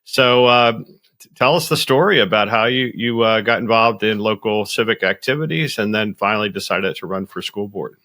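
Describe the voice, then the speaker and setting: Bright-voiced male interview host. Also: on the low side, moderate pace, no echo, clean studio sound. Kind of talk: casual interview conversation.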